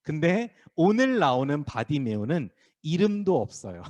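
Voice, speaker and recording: Lively youth pastor, man. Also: a little high, measured pace, highs cut off. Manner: lively, acts out crowd voices, teasing students by name. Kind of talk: sermon to middle schoolers. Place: small church worship room.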